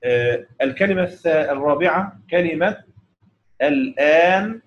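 A man with an Egyptian accent teaching the rules of Quran recitation. He explains in casual speech and slowly chants each verse to show the reading. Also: mid-range voice, lively intonation, slight background noise. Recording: dull lo-fi recording.

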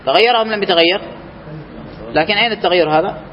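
High-voiced male teacher quizzing students. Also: quick pace, a crowd in the background. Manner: explains step by step, quizzing students with questions. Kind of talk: classroom grammar lesson. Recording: reverberant room, muffled, faint hiss.

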